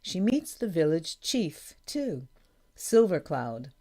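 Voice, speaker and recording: A woman reading a storybook for learners aloud, slowly and carefully, announcing each page. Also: fairly low pitch, very animated, mellow. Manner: slow, careful, clear reading. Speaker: audiobook narrator. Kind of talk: scripted narration of a graded reader.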